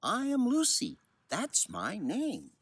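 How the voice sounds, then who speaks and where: A husky-voiced older man relates a personal story with huge swings in pitch. His delivery is expressive and unhurried, like reading a picture book out loud for kids.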